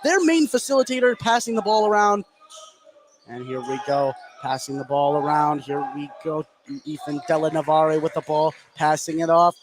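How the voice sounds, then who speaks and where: Courtside in an indoor gym, a man announces live basketball play-by-play at a moderate pace, his voice on the high side and heard over music. The recording carries noisy gym ambience, game noise, and a bouncing basketball.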